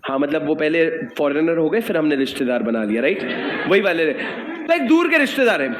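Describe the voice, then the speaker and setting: An Indian man delivers a lively, joking tax law lecture, slipping into little acted dialogues. His voice sits high. The room is echoey, with a faint hiss behind him. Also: brisk. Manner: lively, jokey, acts out student voices, addresses students as sir. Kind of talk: animated classroom lecture.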